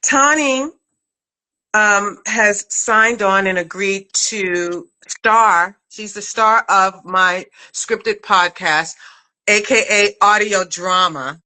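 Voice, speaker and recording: A middle-aged woman, a podcast writer-director, hosts a casual live chat in an effusive, affectionate manner. Her voice is medium-pitched, slow and sharp in tone, and the audio quality is poor.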